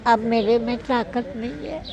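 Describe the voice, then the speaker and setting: A woman's voice: on the high side, steady tone, a little slow, vocal fry, darkish tone, poor audio. Plaintive woman in her seventies. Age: 70s. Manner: plaintive, resigned. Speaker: stranded elderly interviewee. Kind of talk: street interview. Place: outdoor railway station.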